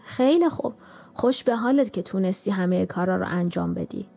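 A woman's voice: mid-range voice, animated, vocal fry, darkish tone. A woman voicing a sneering, commanding old witch in a storybook, with a nasal, sarcastic manner. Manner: sarcastic, bossy.

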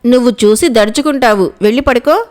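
A woman voicing a landlord's young son caught stealing in a storybook tale, talking low and urgent. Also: brisk, darkish tone, natural voice.

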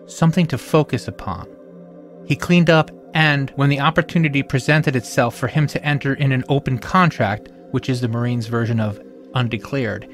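A man hosting a podcast, reading scripted documentary narration in a measured, solemn way with emphatic rises. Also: medium pitch.

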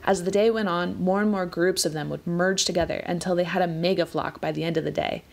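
A woman in her thirties narrating a sailing travel vlog in a calm, gently wry voice-over. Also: on the low side, a little fast, creaky. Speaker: sailing vlogger.

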